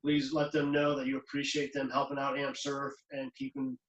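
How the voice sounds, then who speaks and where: Man, host, rambling with fillers, slightly high voice, roomy echo, far from mic. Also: sing-song, moderate pace, creaky, lo-fi sound. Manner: loose, rambling, many fillers. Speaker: host of a charity video call. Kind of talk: casual closing remarks on a video call. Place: outdoors near the water. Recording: echoey, distant from the mic.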